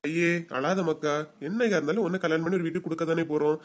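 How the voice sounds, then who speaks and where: An actor voicing a gentle, doting middle-aged father in a cartoon comedy, with a Kanyakumari Tamil accent and a coaxing, soothing way of talking. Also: mid-range voice, fairly even intonation, racing, lightly acted.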